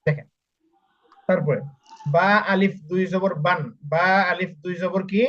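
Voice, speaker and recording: High-voiced patient male Quran teacher. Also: steady tone, fairly bright tone. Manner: patient, repeats each spelling slowly for students. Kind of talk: online class, spelling out letters. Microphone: online call audio. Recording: muffled lo-fi call audio.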